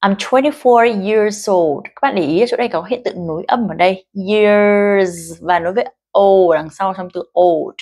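A woman teaching English pronunciation, explaining patiently and repeating phrases slowly. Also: mid-range voice, a little mellow. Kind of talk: pronunciation lesson.

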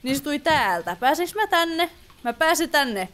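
This woman's high, sing-song voice has a fairly bright tone as she provides relaxed let's play commentary on a horror game. The gaming YouTuber is talkative, jumpy, and mixes in English exclamations.

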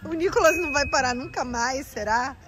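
Brazilian woman, family vlogger, high bright register, playful and dramatic, Brazilian Portuguese accent, handheld camera outdoors with music under the voice. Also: fairly quick. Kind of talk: casual vlog talking to camera. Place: outdoors by the water and streets.

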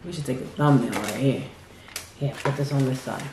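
A woman co-hosting a casual food vlog, talking excitedly to viewers and calling them y'all. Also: a bass voice, fairly quick, roomy sound, slight background noise. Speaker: channel co-host. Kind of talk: casual mukbang vlog chat.

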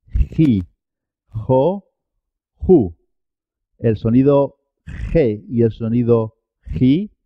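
A man's voice: mid-range voice, no room sound, dull audio. A man teaching a Spanish pronunciation lesson, carefully enunciating each sound and model word. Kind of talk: slow, clear pronunciation lesson.

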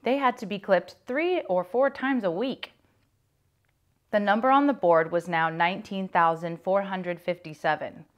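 A woman reads a children's chapter book aloud, her pitch sitting in the middle range. She tells the story clearly and expressively, shaping each sentence for young listeners. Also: unhurried, dull audio.

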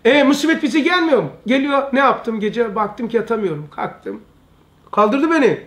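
High-voiced man teaching a religious lesson. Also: lively intonation, normal speed, a bit bright. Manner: emphatic and repetitive, addresses listeners as brother.

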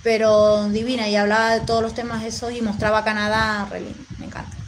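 A woman's voice: a little high, flat delivery, a little fast, a little hiss or hum, low-quality recording. A woman from Mendoza with a Mendoza Argentine accent, reading and answering her live chat in an affectionate, rambling way. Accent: Mendoza Argentine Spanish. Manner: chatty, affectionate, rambling with fillers.

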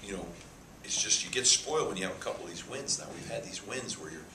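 On the low side and fast, his voice carries lively intonation. He's a head football coach in his fifties answering questions at a press conference, gesturing and emphatically repeating words. The echoey press room has a sponsor backdrop, and the table mic cluster picks up a faint hiss.

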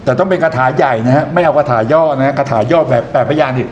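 A man's voice: fairly high pitch, quick pace, a little mellow, dull audio, a little hiss or hum. A man lecturing in an explanatory way, often posing questions to his listeners and then answering them himself. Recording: echoey room, faint ambience.

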